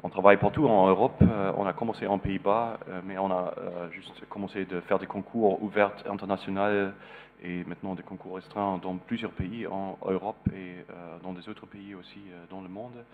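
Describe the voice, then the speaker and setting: A lowish-voiced man with a foreign, German accent gives a public lecture in a language that is not his native one. He speaks haltingly, searching for his words, and the sound is narrow like a phone line. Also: steady tone, a little hiss or hum. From East Germany. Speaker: visiting architect lecturer.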